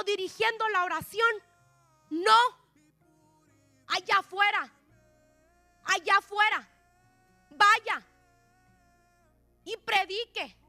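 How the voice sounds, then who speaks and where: Very high, bright-voiced woman preaching. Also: dry recording. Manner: impassioned, keeps addressing listeners as "my brother". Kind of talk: sermon. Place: church sanctuary.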